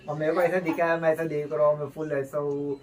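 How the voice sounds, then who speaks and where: A man's voice: on the high side, flat delivery, fairly quick. A young man, a vlogger and new father, telling a personal story in a heartfelt, rambling way with restarts. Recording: distant mic with faint ambient noise.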